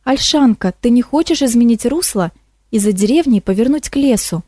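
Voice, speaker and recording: A woman's voice: a little high, lively intonation, a little fast, mellow, no echo, studio quality, pitched above the performer's own voice. A woman voicing a cheerful, eager female swamp kikimora who pleads and enthuses, in a storybook reading. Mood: pleading.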